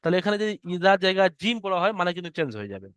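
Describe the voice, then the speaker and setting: A man teaching Quran recitation in an online lesson, chanting verses slowly and explaining pronunciation patiently. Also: high voice, very animated, fairly bright tone, smooth, no echo.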